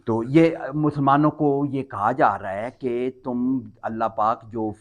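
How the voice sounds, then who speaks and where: A man's voice: mid-range voice, steady tone, lo-fi sound. An older man from Pakistan teaching a Quran class, reciting Arabic phrases and then explaining each word with patient repetition.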